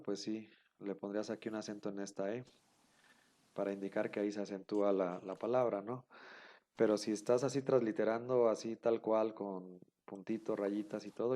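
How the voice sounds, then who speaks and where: In a gravelly, warm voice on the low side, a male Hebrew teacher gives an online class explanation. He patiently repeats the rules, using many fillers.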